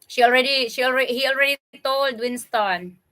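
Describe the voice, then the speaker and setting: A livestream host from the Philippines, speaking with a Filipino accent, chats with viewers while eating during a casual stream and laughs often. Her voice is high-pitched, a bit bright, and a little fast, picked up by a computer webcam mic.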